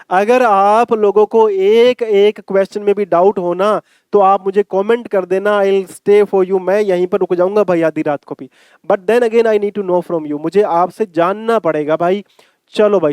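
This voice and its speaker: High-voiced, dark-toned male grammar teacher. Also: smooth, no room sound. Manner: coaxing, repeats points, asks 'ठीक है?' often; slow drawn-out English example sentences. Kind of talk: exam-prep grammar lesson in Hindi with English.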